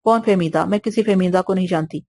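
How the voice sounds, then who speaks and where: A woman's voice: lowish voice, dark tone, no room sound, clean studio sound. A woman doing a trembling, terrified courtesan. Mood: frightened. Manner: trembling, fearful.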